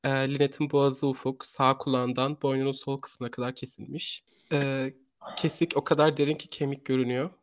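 A man tells a true crime story in a conversational podcast style at a medium pitch. He halts to find words and often restates what he just said. The sound is close and very dry, with no room echo. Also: little pitch movement, fairly quick. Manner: rephrases and repeats his own sentences.

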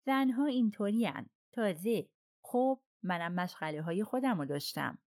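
A woman's voice: medium pitch, expressive, darkish tone, natural voice. A woman voicing a guarded, emotional young English governess in an audiobook. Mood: dismissive. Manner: strained, emotional.

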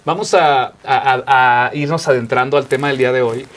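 A man hosting a casual interview, asking questions in a relaxed way with hesitant restarts. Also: medium pitch, moderate pace, noisy background. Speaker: interview host.

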